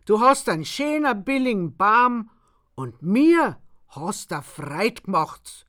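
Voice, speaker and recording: A woman's voice: medium pitch, big pitch swings, slow pace, a bit bright, voice pushed up. A woman voicing a sly, stubborn farmer of about sixty, speaking blunt and emphatic. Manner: crafty, blunt dialect speech, raised and emphatic.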